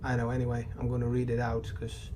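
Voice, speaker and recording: Quick, monotone, and medium in pitch, a man casually narrates his own gameplay as a YouTuber doing a let's play. He rambles, hesitates, mocks himself, and keeps stopping to correct himself. Recorded on a desktop mic over game audio, with game music and a noisy background behind him.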